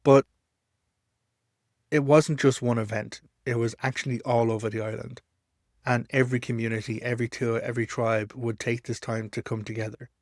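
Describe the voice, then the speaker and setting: A man's voice: mid-range voice, level tone, moderate pace, no echo, studio quality. An Irish man giving an informal explanatory talk in a conversational storytelling manner, repeating words for emphasis. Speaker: storyteller and pagan teacher.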